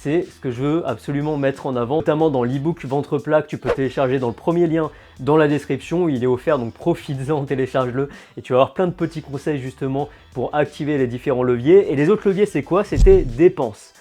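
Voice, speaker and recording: Lively man explaining diet myths. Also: on the high side, a little fast, soft background music. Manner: lively, direct, sarcastic asides. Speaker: fitness and nutrition coach. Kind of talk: casual explainer vlog.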